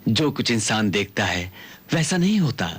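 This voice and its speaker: A man's voice: lowish voice, big pitch swings, normal speed, breathy edge. An actor playing a king who consoles his frightened daughter in a soothing voice. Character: gentle older king, caring father.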